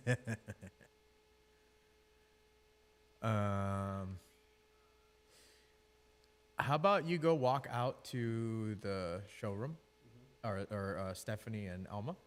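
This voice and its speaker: A man's voice: lowish voice, takes it slowly, long pauses. A man hosting a casual call-in interview, talking in a laid-back, joking way into a room mic. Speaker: host. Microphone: room mic with reverb. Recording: long reverb from a room mic.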